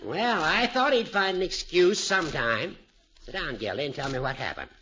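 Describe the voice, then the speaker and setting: An actor playing a wily, teasing old judge in 1950s radio comedy, smooth-talking and mock-solemn. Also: male voice, a little high, animated, moderate pace, sharp tone. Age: older. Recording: dull, noisy 1950s radio recording.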